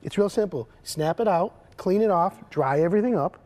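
On a talk show set, wearing a lapel mic, a middle-aged man who specializes in home improvement cheerfully demonstrates a product, pointing to samples as he pitches. He talks at a moderate pace with a warm tone and lively intonation.

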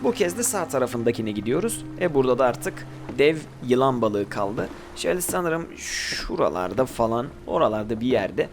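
A man's voice: mid-range voice, very animated, moderate pace, hardly any pauses, faint music behind. A man hosting casual gameplay commentary, chatting to his viewers and teasing the creatures in the game. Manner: chatty, talks to viewers and to the game creatures, swears when startled. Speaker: gaming video host.

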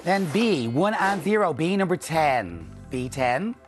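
A man's voice: fairly high pitch, very animated, a little slow. Music plays behind a man in his forties calling bingo as a television presenter. His delivery is rhythmic and repetitive, announcing each number in the set pattern of a studio bingo caller. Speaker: bingo caller and TV game show host. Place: indoor TV studio. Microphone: lapel mic.

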